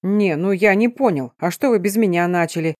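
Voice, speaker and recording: A woman's voice: fairly low pitch, a little fast, a little mellow, no room sound, studio quality, close to an everyday voice. Grumbling swaggering wizard, read by a woman. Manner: grumbling, cocky. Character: grumpy swaggering male wizard, street-thug manner.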